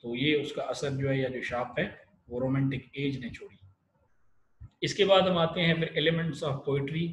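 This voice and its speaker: A man giving an online literature lecture. He explains step by step and often pauses, restarts and fills gaps. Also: medium pitch, steady tone. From Pakistan. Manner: explanatory, many fillers and restarts. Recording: echoey room with faint hiss.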